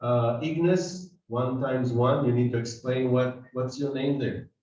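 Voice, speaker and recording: A man's voice: medium pitch, fairly even intonation, takes it slowly, a little mellow. A man leading a seminar, chatting and teasing his class casually with many restarts. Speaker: seminar leader. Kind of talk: casual joking welcome to a class. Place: meeting room with a table. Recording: very echoey, distant, dull room sound with faint noise.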